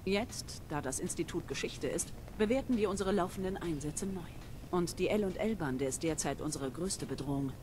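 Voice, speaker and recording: A woman's voice: on the low side, animated, moderate pace, noisy background, lightly acted. A woman playing a stern, resolute resistance leader in a video game, speaking seriously and with command. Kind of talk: scripted game dialogue. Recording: music behind the voice.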